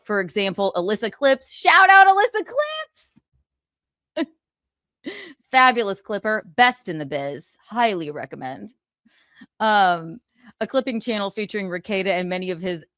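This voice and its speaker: This woman on a livestream moves between casual chat and reading book passages aloud, stressing lines in a gloating, sarcastic, theatrical way. Her mid-range voice is a bit bright, captured in studio quality with no room sound.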